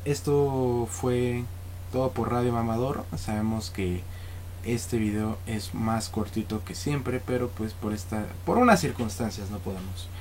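A man's voice: mid-range voice, a little slow, a little mellow, slight background noise. Joking Mexican man hosting a show. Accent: Mexican Spanish. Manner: joking, teasing, informal slang. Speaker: podcast host. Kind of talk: casual chat.

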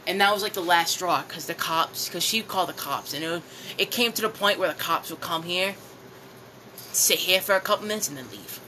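Bright-voiced young man telling stories. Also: high voice, a little fast, slight background noise, low-quality recording. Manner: laughs often, swears casually, animated retelling. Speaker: podcast guest. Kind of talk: casual storytelling chat.

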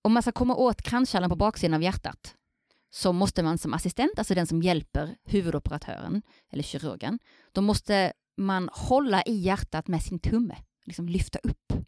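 A woman speaking as a surgeon guest on a podcast, lively and acting out quoted voices in casual chat. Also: on the low side, dry recording, studio quality.

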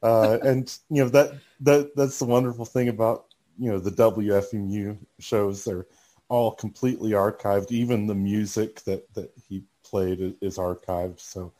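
A man with a Southern Alabama accent chatting casually, often repeating words as they start in a halting way. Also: fairly low pitch, fairly even intonation, warm tone. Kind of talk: casual chat.

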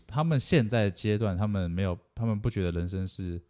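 A man's voice: on the low side, fairly quick, mellow. A man co-hosting a casual podcast chat, reasoning through his points in logical steps. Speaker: podcast co-host.

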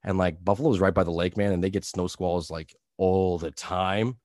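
A man from New Brunswick, Canada, hosting a podcast in a relaxed, rambling chat over a video call, with lots of fillers. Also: deep voice, moderate pace, no room sound, clean studio sound. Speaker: podcast host.

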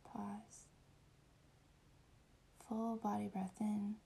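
A woman leading a guided meditation in a soft, breathy, often whispery voice, soothing and hushed like at a spa, with long pauses. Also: mid-range voice, little pitch movement, a little hiss or hum, low-quality recording.

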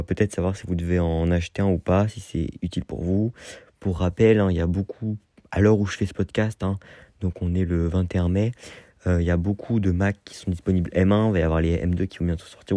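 A man's voice: low-pitched, fairly even intonation, fast, dark tone, no echo, clean studio sound. A young man hosting a casual solo podcast, talking hesitantly with many fillers and restarts. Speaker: podcast host.

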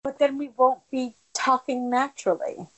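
A woman with a slightly high voice chats casually as a podcast co-host. She talks freely, swears and laughs easily. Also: flat delivery, moderate pace, fairly bright tone. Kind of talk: casual chat.

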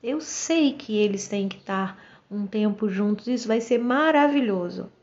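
A woman's voice: medium pitch, expressive, moderate pace, a little mellow, dull audio. A Brazilian woman in her forties, speaking outspokenly and directly in a casual monologue to camera. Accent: Brazilian Portuguese. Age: 40s. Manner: outspoken and direct, acts out quoted voices. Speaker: vlogger.

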